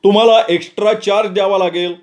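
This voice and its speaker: Brief: male reader as frantic hotel manager, high and pleading. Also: fairly even intonation, quick pace, a little mellow, lightly acted. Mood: exasperated. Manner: exasperated, pleading. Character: flustered middle-aged male hotel manager.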